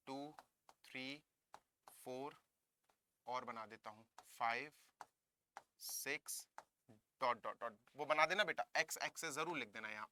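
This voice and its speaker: A man with an Indian accent teaches a maths class in a lively, coaxing way, his voice swooping up and down. His tone is bright and crisp. The sound is dry and close to the mic. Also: fairly high pitch, no echo. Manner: lively, coaxing, mixing Hindi and English, calls students kids. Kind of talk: online classroom lesson.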